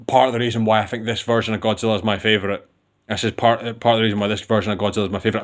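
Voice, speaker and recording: A man's voice: fairly low pitch, a bit bright. A man giving a casual, rambling film review with enthusiasm, often restarting his sentences.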